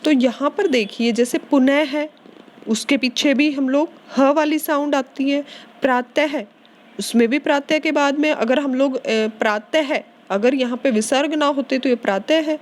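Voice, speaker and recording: A woman's voice: high-pitched, normal speed. A woman teacher giving a patient grammar lesson to schoolchildren, repeating words and checking in often.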